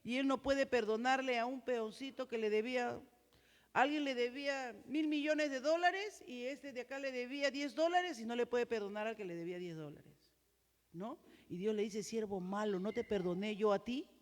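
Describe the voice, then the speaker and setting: A woman pastor with a Peruvian Spanish accent preaching a sermon in a high, strong voice, earnestly asking the congregation questions. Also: normal speed. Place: church. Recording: reverberant church hall.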